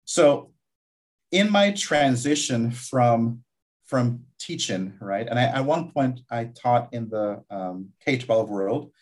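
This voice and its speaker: This community college vice president from Guyana talks slowly and with animation in a mid-range voice. He reflects aloud during an interview conversation, frequently starting his thoughts over.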